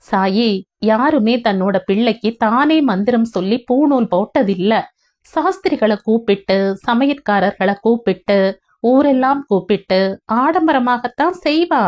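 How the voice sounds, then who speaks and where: A woman voicing a gentle young husband who calmly soothes and explains in a storybook reading. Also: fairly high pitch, muffled recording.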